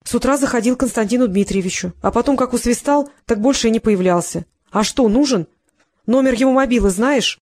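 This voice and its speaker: A woman's voice: fairly high pitch, a little fast, a little mellow, no room sound, lightly acted. A woman reader puts on a fussing, chatty older secretary who pours out questions in a raised, lifted voice. She sounds caring and flustered. The audiobook sound is close and dry.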